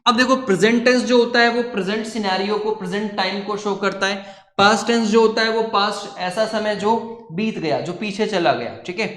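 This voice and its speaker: A man's voice: high-pitched, brisk, fairly bright tone, roomy sound. A man teaching a coaching class, telling a joke and explaining grammar in a chatty style, often checking in with "okay". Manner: chatty, storytelling, says "ठीक है" often.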